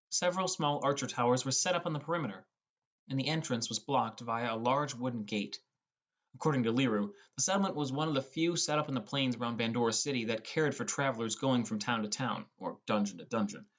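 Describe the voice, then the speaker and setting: This is an audiobook-style reading of a first-person fantasy tale by a young man whose pitch falls in the male middle range. The sound is a bit bright.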